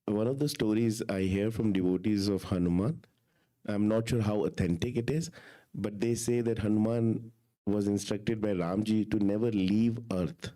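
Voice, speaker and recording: A man's voice: lowish voice, steady tone, moderate pace, mellow. Man with a muffled voice, as if through a wall. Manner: respectful, hesitant questioning. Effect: muffled voice, as if heard through a wall. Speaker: devotee asking a question.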